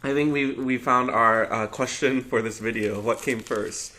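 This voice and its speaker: A man with a bright, crisp-edged voice at a middle pitch hosts a casual eating video. He chats loosely and muses aloud, feeling his way through each thought. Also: fairly even intonation, unhurried. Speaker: mukbang video host. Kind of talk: casual chat over a meal.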